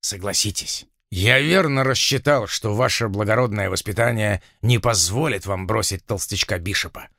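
A cool-headed pirate captain talks softly and low, with smooth, amused irony, as a man reads him. The sound is dry and close to the mic. He never raises his voice. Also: normal speed, hardly any pauses, no echo. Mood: calm. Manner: low, quiet, smoothly ironic. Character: calm, sly pirate captain, soft-spoken.

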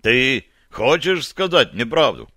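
A man voicing a stern, loud army sergeant who interrogates a private with slow, heavy commands in a dry, close recording. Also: medium pitch, very animated, no room sound, full character voice. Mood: coaxing. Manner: barking orders slowly and sternly.

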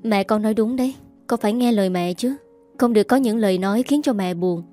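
A woman's voice: mid-range voice, quick pace, mellow, faint music behind, close to an everyday voice. Woman reading a stern, cold young father. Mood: calm.

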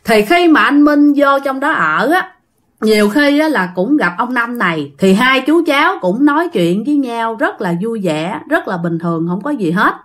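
A woman's voice: fairly high pitch, lively intonation, moderate pace, a bit bright. A woman with a Southern Vietnamese accent telling a ghost story casually, talking straight to her listeners with lots of fillers. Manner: chatty, addresses listeners directly, many fillers.

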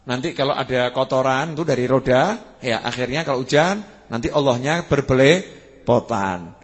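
A man preaching a sermon, animated, building to emphatic peaks and asking his listeners questions. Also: mid-range voice, moderate pace. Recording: husky voice with long hall reverb.

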